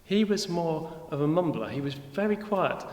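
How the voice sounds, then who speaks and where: An actor playing a weary, chatty Roman centurion in a comic monologue, talking in a rambling, wry way. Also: male voice, on the high side, expressive, normal speed, darkish tone, close to an everyday voice. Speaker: actor in church children's video. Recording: echoey hall with long reverb.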